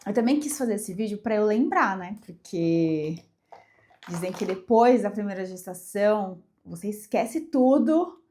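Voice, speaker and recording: A young Brazilian woman vlogs to camera, chatting casually and emphatically about personal things while congested with a cold. Her medium-pitched voice is expressive, unhurried and dark in tone.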